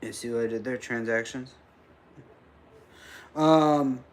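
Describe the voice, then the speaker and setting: A man's voice: medium pitch, takes it slowly. A man hosting a political reaction livestream, talking sarcastically, laughing often and swearing freely. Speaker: livestream host.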